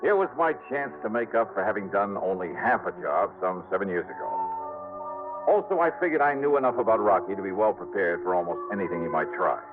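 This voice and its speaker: An actor playing a shrewd, brisk, hardboiled investigator in 1950s radio detective drama, wry and clipped. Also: male voice, lowish voice, lively intonation, lightly acted. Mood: wry narration. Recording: vintage 1950s radio, narrow band, music behind.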